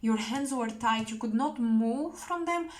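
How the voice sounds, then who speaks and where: A woman giving an intuitive tarot reading straight to the viewer, halting and searching for words, earnest and emotional. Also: a little high, rough recording. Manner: slow, halting, searching for words with many restarts. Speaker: tarot reader.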